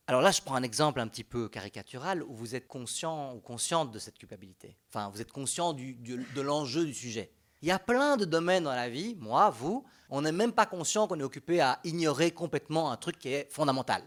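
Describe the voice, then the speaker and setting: A young man with a Belgian French accent speaks on a panel at a public talk in a mid-range, fairly quick voice. He's animated and conversational, often restarting his sentences.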